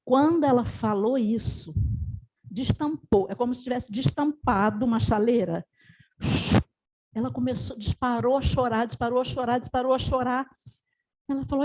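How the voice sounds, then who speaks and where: A woman's voice: on the high side, a little mellow, low-quality recording. A middle-aged woman facilitating a family constellation workshop, explaining and recounting a session as she quotes her client's words.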